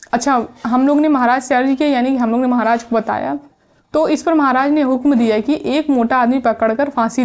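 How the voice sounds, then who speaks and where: A woman's voice: fairly high pitch, a little mellow. A woman teaching literature, reading a play's lines aloud and then explaining each one in plain words. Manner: reads dialogue then paraphrases it plainly.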